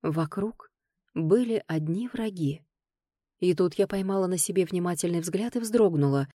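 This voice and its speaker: Woman reading a first-person audiobook, lively and expressive, dry close mic. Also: fairly low pitch, moderate pace, dry recording. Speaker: audiobook narrator.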